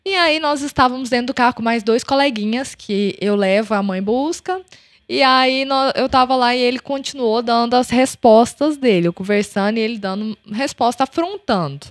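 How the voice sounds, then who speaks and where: Brazilian woman podcast host, kinda high voice, dry sound, acts out all the quotes in her story. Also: normal speed, no echo. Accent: Brazilian Portuguese.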